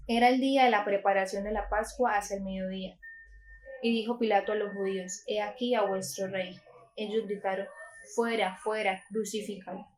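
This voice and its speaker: Woman, scripture reader, from Colombia, calm measured delivery, mid pitch. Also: low-quality recording. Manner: calm, measured reading with small slips and restarts. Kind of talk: reading a Gospel passage aloud.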